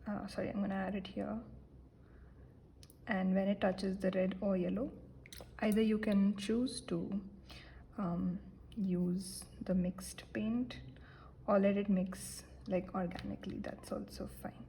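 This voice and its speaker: A young woman giving a relaxed painting lesson, chatty and self-deprecating, with many fillers and soft whispered asides. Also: medium pitch, unhurried, long pauses, slight background noise, poor audio. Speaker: art teacher. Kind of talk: casual painting tutorial.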